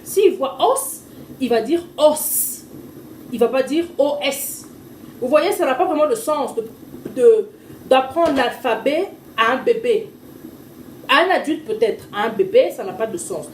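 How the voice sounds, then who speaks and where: A woman, a parent teaching her child to read at home, explaining in an informal tutorial and slowly sounding out letters and syllables. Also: high-pitched, lively intonation, a little hiss or hum. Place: at home with a small child nearby. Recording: echoey room, mic far off, faint ambience.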